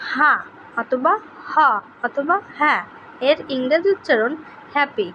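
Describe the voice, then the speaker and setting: A woman teaching a pronunciation lesson, reading out letter pairs and example words one by one in a slow, deliberate way. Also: high voice, bright, forceful tone, slight background noise, poor audio.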